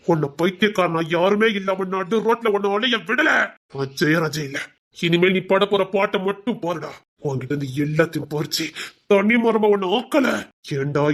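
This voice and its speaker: An actor playing a bitter, vengeful man who swears revenge in a TV serial, threatening, at times shouting and at times sobbing. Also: natural voice. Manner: bitter, menacing, swings loud to low. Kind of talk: TV serial drama.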